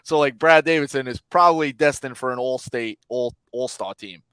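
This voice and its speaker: Male sports podcast co-host, lively storyteller who slips into impressions, dry close mic. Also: medium pitch, moderate pace, clean tone, dry recording. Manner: animated storyteller, mimics people mid-story. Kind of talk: casual sports chat.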